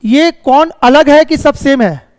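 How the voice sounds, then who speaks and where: A man's voice: extremely high pitch, measured pace, darkish tone, no echo, big-room sound. A man teaching a reasoning class live, explaining step by step, checking often if students follow, and sometimes scolding them about the course. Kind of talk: live online class lecture.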